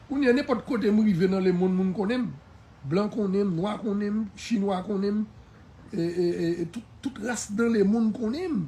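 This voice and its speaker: A man with a Haitian accent holds forth in a live-stream monologue, defiant and emphatic, laughing often. His voice sits high and carries a gravelly fry. He drops French phrases into his talk. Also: unhurried, dark tone, slight background noise.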